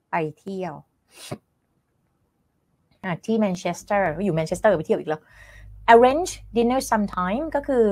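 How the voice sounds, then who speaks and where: Lively woman teaching English online. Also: mid-range voice, no echo. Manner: chatty, laughs often, coaxes students to answer. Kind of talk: live online English lesson.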